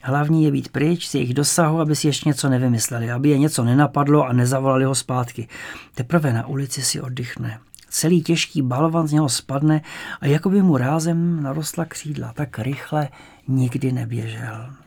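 A male storyteller reads the tale at an even pace, his voice carrying a gravelly edge. He keeps the narration calm and measured, in a middle register. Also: medium pitch. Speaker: audiobook narrator. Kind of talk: scripted narration.

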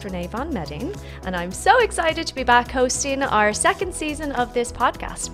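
Lady podcast host, middle pitch voice, conversational interviewer.

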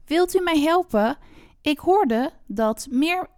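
A woman voicing a panicky little male pig in a storybook reading, pleading in a high voice. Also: animated, slow, darkish tone, no room sound, studio quality. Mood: frightened.

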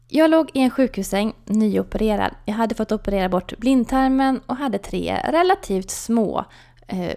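A woman coach telling a personal story and explaining an idea in a calm storytelling way, with soft whispered asides. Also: mid-range voice, gravelly.

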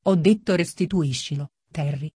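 A calm, stubborn gentleman speaks steadily, as a woman reading the story gives him a lowish voice. The sound is close and dry. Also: normal speed, breathy edge, dry recording. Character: calm, stubborn gentleman highwayman, adult man.

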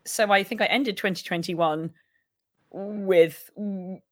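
A young woman co-hosting a podcast, with a croaky, husky voice, chatting and laughing as she rambles. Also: medium pitch, slow pace, fairly bright tone, dry recording, studio quality. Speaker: podcast co-host. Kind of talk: casual podcast chat.

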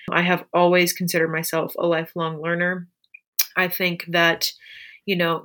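A woman's voice: lowish voice, fairly bright tone. A woman in her twenties, a podcast guest, chatting in an upbeat way and laughing often. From grew up in Ukraine, Russia and Germany. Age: 20s. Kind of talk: casual interview chat.

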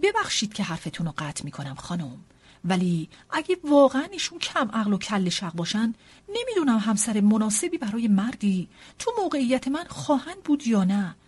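A self-important young suitor in an audiobook, voiced by a woman. He talks in a stiff, formal way, pleased with himself. The slightly husky voice rises and falls freely. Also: fairly high pitch, sing-song, a little mellow. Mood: pompous. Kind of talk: audiobook character reading.

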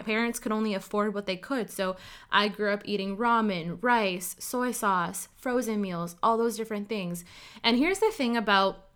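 A woman from Ottawa, Canada, whose first language is Cantonese, tells her own story casually and candidly, peppering it with "like." Her voice is medium-pitched, fairly bright and clean.

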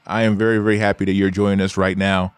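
A man hosting a casual sports talk show in an energetic, emphatic manner. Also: sits low, fast talker, clear, resonant tone, no room sound. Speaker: sports podcast host.

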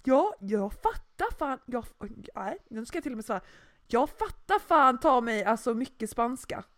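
A young woman chatting casually, telling a story with lively acted-out quotes. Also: fairly high pitch, no room sound, studio quality. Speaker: podcast co-host. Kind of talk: casual chat.

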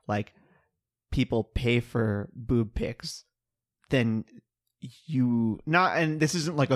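A male panelist with an average-pitched voice. He argues his point in casual conversation, circling back and rewording as he goes. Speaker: podcast panelist. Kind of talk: casual opinionated discussion.

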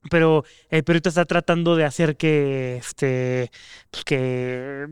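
A man's voice: fairly high pitch, monotone, slow, clear, resonant tone, no echo, studio quality. A young man with a Mexican Spanish accent, co-hosting a podcast and telling an emotional story in a rambling way during casual chat. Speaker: podcast co-host.

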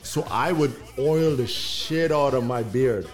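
A man with an average-pitched voice hosts a casual interview. He phrases things informally, with plenty of slang, while soft music plays in the background. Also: takes it slowly. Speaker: host asking questions. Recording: music behind the voice.

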